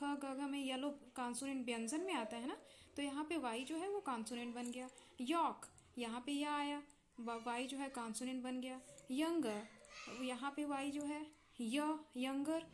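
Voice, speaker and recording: A woman with an Indian accent teaching English vowel and consonant sounds, patiently repeating examples and checking in with her students. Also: high-pitched. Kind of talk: explaining English phonics in Hindi.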